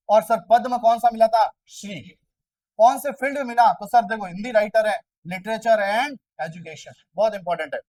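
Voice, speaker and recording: A high-voiced man teaching a classroom of exam candidates, firing questions at them and answering in their place, bantering when they push back. He sounds set back from the microphone in a dry room with little reverb. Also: distant mic. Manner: quizzes the class constantly, voicing their questions himself; chatty, argues playfully with students. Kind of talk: classroom lecture for exam prep.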